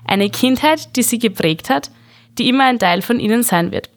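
A woman's voice: a little high, animated, moderate pace. A woman interviewer introducing her guest and asking questions in a polite, formal way.

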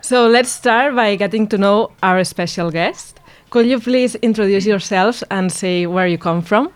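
A young woman hosting a campus radio show, reading her lines in a clear, measured, welcoming way. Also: mid-range voice, dry recording.

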